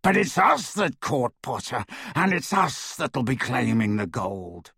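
A man voicing a savage male werewolf who rasps and snarls his words. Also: medium pitch, big pitch swings, measured pace, pushed and bright, no echo, studio quality, heavily acted. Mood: menacing. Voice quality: rasping, snarling.

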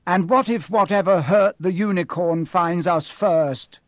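A man's voice: a little high, very slow, sharp tone, no room sound, pitched above the performer's own voice, heavily acted. Man putting on Malfoy, a haughty, panicky schoolboy. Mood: scared. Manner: indignant, panicky. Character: haughty, frightened schoolboy, spoiled and whining.

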